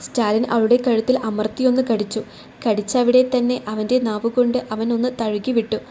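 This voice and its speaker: Female storyteller for a romance story; mellow, flat, slightly high voice; faint background noise. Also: a little fast. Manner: voices every character in her own voice. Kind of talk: scripted narration of a romance story.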